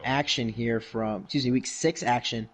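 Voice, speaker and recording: A man calling a simulated football game in broadcast style, with brisk play-by-play that rises on big plays and quick self-corrections. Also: medium pitch, steady tone. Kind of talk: mock broadcast sports commentary over a video game.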